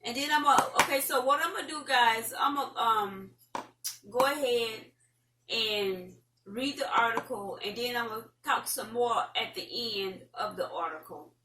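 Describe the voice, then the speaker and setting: A middle-aged woman with a Southern American accent hosts an online talk show, chatting casually and offering viewers folksy, rambling advice. Her voice sits a little high and moves at a moderate pace. The sound is roomy, from a distant mic, with faint noise.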